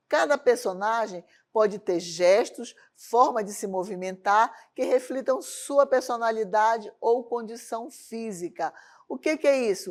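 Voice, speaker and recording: A woman's voice: a little high, darkish tone. A woman teaching a televised arts lesson, often checking in with the class through rhetorical questions. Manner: asks rhetorical questions to the class, tag questions like "certo?". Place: lesson studio with a loom as a prop.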